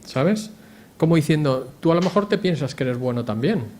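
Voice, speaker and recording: Chatty preacher, fairly high voice. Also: male voice, lively intonation, normal speed, a little mellow, a little hiss or hum. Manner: chatty, asks the congregation questions. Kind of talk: conversational sermon.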